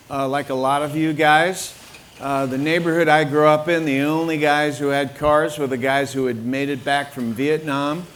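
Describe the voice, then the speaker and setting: An older man from New York, a guest on a car forum panel, telling his story plainly with frequent pauses. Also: medium pitch, slight background noise. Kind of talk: panel discussion. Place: forum room with an audience.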